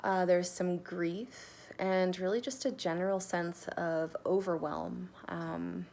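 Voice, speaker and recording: A woman leading a guided meditation in a relaxed, conversational way, with casual fillers and the odd soft laugh. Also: on the low side, takes it slowly, slight background noise. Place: home, sitting on folded blankets.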